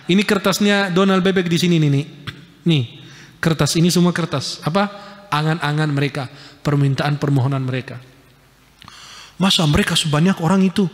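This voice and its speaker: A man preaching a casual religious lecture, lively and jokey, pointing at pictures as he talks. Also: a little high, in a large hall. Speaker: Islamic preacher.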